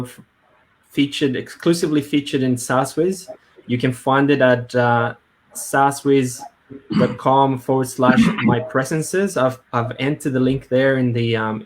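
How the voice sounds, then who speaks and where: A man hosting a live webinar in a casual, hesitant way, with many fillers and restarts. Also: medium pitch. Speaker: webinar host. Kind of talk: casual live-stream talk. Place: Brisbane.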